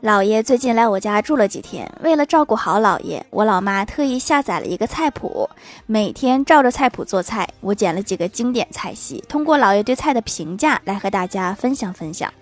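A woman narrating short funny anecdotes with deadpan punchlines and wry laughs. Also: mid-range voice, brisk, hardly any pauses. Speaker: comedic storyteller. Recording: music bed underneath.

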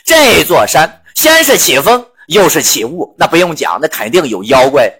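Chatty, husky man retelling a classic tale. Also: on the high side, big pitch swings, moderate pace, a bit bright. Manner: chatty, joking asides. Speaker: storyteller. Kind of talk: casual classic novel retelling with commentary.

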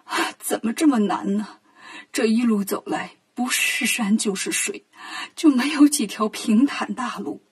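A woman voicing a timid, tearful male monk master in a children's story, speaking softly and fretfully. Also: a little high, moderate pace, slightly rough. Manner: soft, fretful, gentle.

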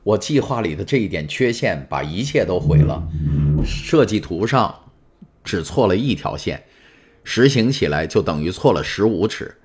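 A secretive, calculating older prisoner questions a stranger through the stone, as a man puts him on. His voice sits low and moves a lot in pitch. He is guarded and grave in this storybook reading. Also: big pitch swings, normal speed, darkish tone, slightly rough, heavily acted. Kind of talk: audiobook character voice.

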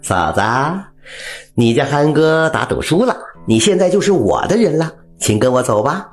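A man's voice: on the high side, sing-song, normal speed, soft background music, pitched above the performer's own voice. A man voicing a sly, scheming village rogue who talks in a smug, wheedling way.

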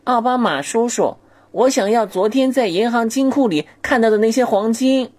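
A man's voice: very high-pitched, normal speed, darkish tone, voice pushed up. A man putting on a whiny spoiled brat president. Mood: wheedling. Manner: whining, stamping demands. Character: spoiled bratty boy president, whiny and demanding.

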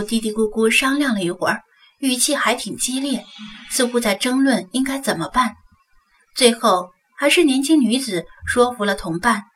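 A woman narrating a novel as an audiobook with even, steady storytelling. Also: on the high side, breathy edge, far from the mic.

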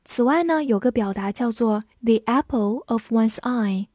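A woman teaching English words in Chinese, spelling each word out letter by letter and reading example sentences slowly. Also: fairly high pitch, a little mellow, no echo, studio quality. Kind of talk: vocabulary lesson.

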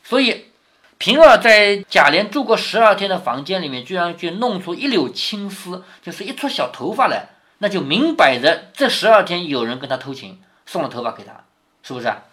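A man reads a classic novel aloud to his daughter, stopping often to explain. He keeps checking in with rhetorical questions. His pitch swings in a lively way. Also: moderate pace. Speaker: father reading to his daughter. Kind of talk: reading aloud with commentary.

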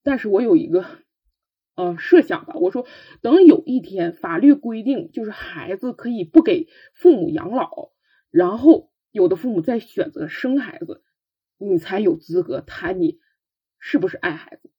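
Husky-voiced young woman telling her story. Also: mid-range voice, lively intonation. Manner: earnest, halting, with frequent restarts. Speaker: podcast guest. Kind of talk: personal storytelling. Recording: dull lo-fi recording.

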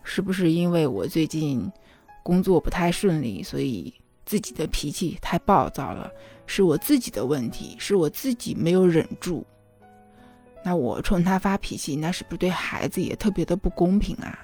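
Woman, 30s, mother, emotional confiding monologue, keeps asking the listener, low-pitched voice, faint music underneath. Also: big pitch swings, normal speed, dark tone. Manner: earnest, emotional, often asks the listener "you know?". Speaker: mother telling a personal story.

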